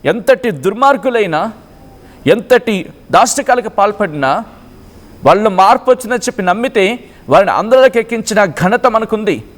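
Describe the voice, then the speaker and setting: Hosting a live phone-in show, this male news anchor speaks in a measured, questioning manner. His voice sits high and comes across as animated.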